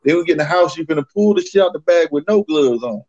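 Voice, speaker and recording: A man joining a casual livestream chat, relaxed and arguing his point. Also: fairly high pitch, fast talker, no room sound, dull audio. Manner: relaxed, argumentative. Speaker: guest calling in.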